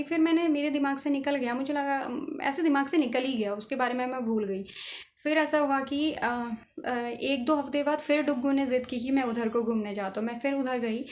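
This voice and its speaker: A woman telling a personal story on her own vlog channel in an earnest, emphatic way. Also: sits high. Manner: earnest, emphatic, passionate about social causes. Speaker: channel creator.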